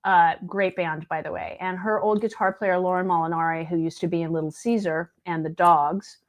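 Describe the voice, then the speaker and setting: Here the late-fifties guest, a singer who also edits video, keeps a lowish, fairly level tone at normal speed. She chats easily through her anecdotes, voicing other people's dialogue as she retells it.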